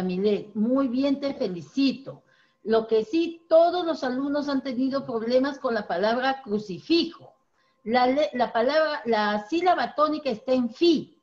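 A woman teacher with a high voice leads a primary reading class over a dull, lo-fi video call. She praises often and slows down to model each word. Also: animated, a little mellow. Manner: encouraging, corrects pronunciation slowly.

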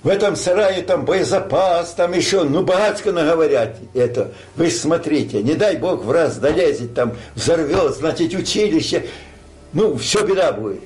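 A man's voice: a little high, expressive, moderate pace, a little mellow. An older man telling a war story like a grandpa, rambling and colloquial, acting out dialogue. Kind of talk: casual oral war storytelling.

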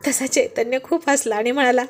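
Woman storyteller, playful chatty narration, slightly high-pitched. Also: steady tone, a little fast. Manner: playful, chatty asides to the listener.

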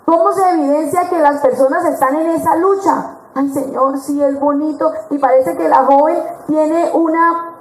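A woman preaching a sermon at a women's conference, lively and acting out the voices of the people she quotes. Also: high-pitched. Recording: echoey church hall.

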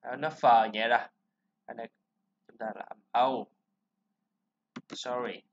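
A man teaching a pronunciation lesson, explaining sounds and repeating words slowly for learners to copy. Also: medium pitch, fairly even intonation, vocal fry. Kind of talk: classroom-style pronunciation lesson. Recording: slightly dull lo-fi recording.

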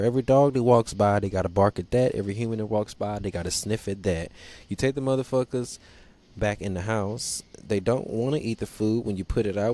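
Seated alone in a small studio set, a young podcast host talks into a handheld microphone in a lowish, slightly mellow voice. His casual solo monologue runs loosely through profane, joking rants.

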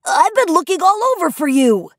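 A woman's voice: very high-pitched, sing-song, moderate pace, no room sound, clean studio sound, voice pushed up, exaggerated voice. A woman voicing a young schoolboy, a whining tattletale. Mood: helpful.

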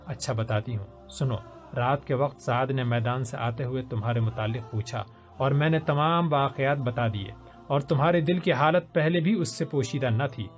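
A man's voice: mid-range voice, faint music behind, lightly acted. A man voicing a playful, affectionate young woman who teases her friend like an older sister. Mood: teasing. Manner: playful, teasing.

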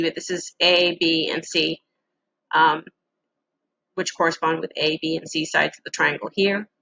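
A middle-aged woman giving a casual, halting lesson walkthrough with frequent pauses, as an instructor on a screen-share recording. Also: on the low side, vocal fry, pushed and bright, a little hiss or hum, poor audio.

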